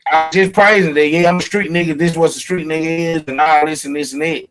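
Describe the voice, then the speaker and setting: A man talking casually as a podcast host, lecturing in animated street slang over a patchy call. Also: a little high, fast talker, low-quality recording. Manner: animated, preachy street talk. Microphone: remote call with connection breaking up.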